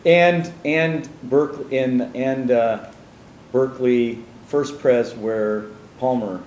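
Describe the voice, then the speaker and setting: Man, meandering storyteller, interview, echoey room, faint rumble. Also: fairly even intonation, takes it slowly, a little mellow. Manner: meandering, many restarts and asides, acts out quoted people. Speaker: interviewee telling his life story. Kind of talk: rambling conversational storytelling.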